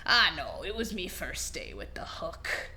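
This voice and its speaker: A woman doing a gruff old pirate man. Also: fairly low pitch, sing-song, a little slow, pushed and bright, full character voice. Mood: gruff storytelling. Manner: pirate talk, says "me" for "my".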